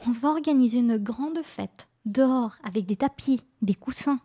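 A woman's voice: a little high, normal speed, mellow, lightly acted. A woman voicing an eager, clever little village girl in a children's tale read on the radio. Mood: excited.

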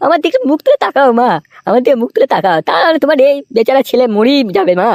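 Brief: foul-mouthed old cartoon grandfather, rapid pleading and griping, slightly high voice. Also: big pitch swings, darkish tone, no room sound, studio quality. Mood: lamenting. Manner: pleading, then snapping with coarse insults. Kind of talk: cartoon voice acting.

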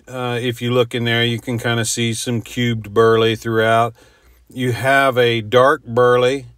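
An American man in his fifties giving a casual, halting voice-over description of a product. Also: mid-range voice, a bit bright, clean tone, no echo, clean studio sound. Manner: halting, informal. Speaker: host of a pipe tobacco review show.

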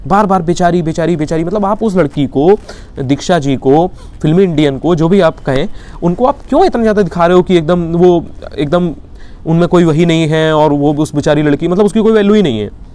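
A man's voice: on the high side, brisk, mellow. A man with an Indian accent giving an indignant opinion commentary, arguing with rhetorical questions. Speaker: YouTube commentator.

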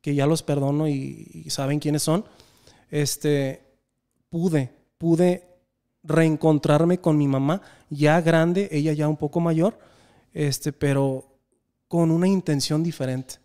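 A man's voice: fairly high pitch, steady tone, takes it slowly, dark tone, clear, resonant tone. A Mexican man in his thirties, talking earnestly and reflectively in a casual podcast conversation. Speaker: podcast guest.

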